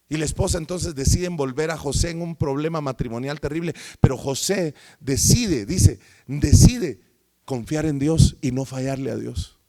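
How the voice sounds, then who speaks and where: A man's voice: on the high side, darkish tone. A middle-aged man preaching a sermon, his delivery swelling and falling, and he acts out the voices he quotes. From Guatemala.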